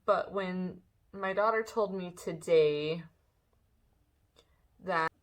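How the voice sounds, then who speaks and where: A young woman vlogger telling a storytime, animated and swearing as she acts out what people said. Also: fairly low pitch, extremely slow. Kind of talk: storytime vlog.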